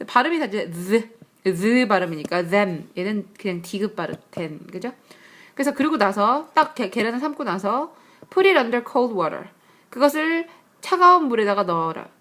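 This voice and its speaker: A woman teaching English grammar on a screencast, explaining patiently, asking rhetorical questions and reading English examples slowly. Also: fairly high pitch, fairly bright tone. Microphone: tablet screencast mic.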